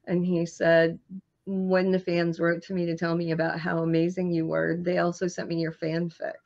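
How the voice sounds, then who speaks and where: A woman guest in an interview, telling animated stories about her career and laughing often. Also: fairly low pitch, moderate pace, creaky, highs cut off. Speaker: screenwriter and marketing guest. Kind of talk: interview storytelling.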